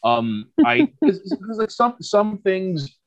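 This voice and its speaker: A man's voice: high voice, very animated, takes it slowly. A man in his thirties from Queens, a podcast guest in casual chat, rambling and swearing with many stammered restarts. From Queens, New York. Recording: slightly dull lo-fi audio.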